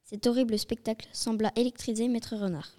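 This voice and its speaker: A woman's voice: on the high side, steady tone, a little fast, mellow. A woman reading a storybook aloud with a partner, stumbling now and then on words. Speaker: reader.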